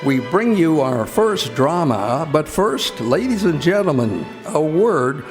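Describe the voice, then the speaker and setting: An American man with a fairly high, very animated voice reads scripted announcements and sponsor messages slowly, in the manner of an old-time radio announcer. He performs live on a college theater stage, where the hall gives a long reverb and music plays.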